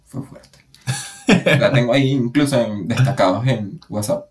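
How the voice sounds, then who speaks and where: Animated Venezuelan man chatting on a podcast. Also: medium pitch, normal speed. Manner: animated and dramatic, acts out quoted voices. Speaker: podcast co-host. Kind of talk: casual chat.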